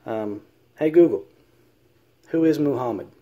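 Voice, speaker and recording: A man's voice: mid-range voice, expressive, unhurried, warm tone, muffled recording. A man with a Southern US accent talking casually to camera, hesitant and earnest with many ums and uhs.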